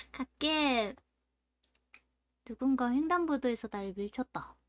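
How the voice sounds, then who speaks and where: A woman's voice: high voice, slow, no echo. Woman reading a game's story aloud. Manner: reads narration in a steady storytelling voice. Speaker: game streamer. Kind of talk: let's-play reading game text aloud.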